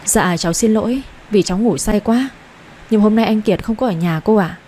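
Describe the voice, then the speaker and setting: A woman's voice: mid-range voice, moderate pace, mellow, lightly acted. A woman voicing a timid young heroine who speaks politely and pleads anxiously. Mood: pleading.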